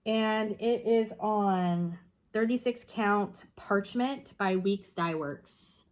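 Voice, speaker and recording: A woman's voice: mid-range voice, takes it slowly, darkish tone. Woman, sniffly, stuffed up, casual co-host chat, rambling, restarts. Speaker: co-host showing cross-stitch projects.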